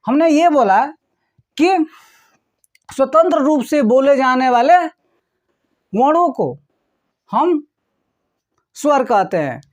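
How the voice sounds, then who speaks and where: Guy teaching a grammar class, really high voice, goes slow and says stuff twice, keeps asking "okay". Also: big pitch swings, darkish tone. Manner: repeats phrases word by word, often checks in with "okay". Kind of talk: online grammar lesson.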